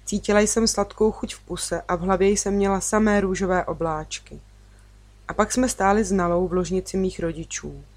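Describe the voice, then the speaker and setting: A woman narrating a children's book in the first person, with gentle and even storytelling. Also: mid-range voice. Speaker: audiobook reader.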